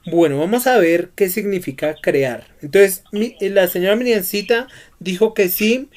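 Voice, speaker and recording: A man's voice: sits high, unhurried, darkish tone. A man teaching a Bible study lesson who keeps asking his students questions and prompting their answers.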